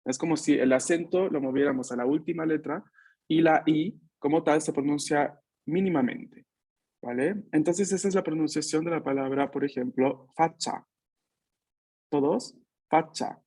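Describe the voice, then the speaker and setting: A man with a slightly high voice teaches an online language lesson over a video call from home. He is patient and keeps checking in with short questions. He drills his class with repeat-after-me sounds. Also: moderate pace, darkish tone, slightly rough. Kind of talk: online Italian lesson for Spanish speakers.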